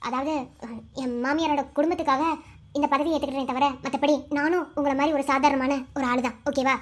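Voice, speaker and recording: A young cartoon bride voiced by a woman with a Madurai Tamil accent, talking high and fast. She is frank and chatty, and slips into lecturing her friends. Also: steady tone, lightly acted. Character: newly married young woman, frank and weary.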